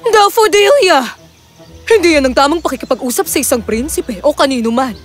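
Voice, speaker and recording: Woman doing a scolding countess mother, high lively voice, storybook cartoon. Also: fairly quick, faint music behind. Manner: scolding, emphatic. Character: stern mother countess, middle-aged.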